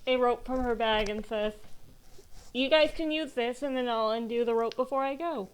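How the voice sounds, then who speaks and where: A woman's voice: a little high, moderate pace, slight background noise, low-quality recording. A woman playing a tabletop game, casually narrating what her character does.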